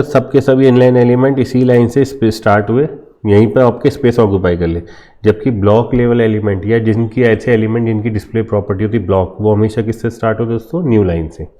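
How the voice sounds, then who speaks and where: Mellow-voiced man teaching a coding lesson. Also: mid-range voice, quick pace. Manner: explains step by step, asks and answers imagined student questions. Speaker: programming teacher. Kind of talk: screen-share coding tutorial.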